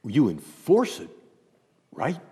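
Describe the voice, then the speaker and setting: A man as an earnest, baffled news interviewer, his husky voice moving slowly but swooping in pitch. A long hall reverb hangs on every word. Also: wildly swooping pitch, mellow, exaggerated voice. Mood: puzzled. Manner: baffled, slow follow-up questions.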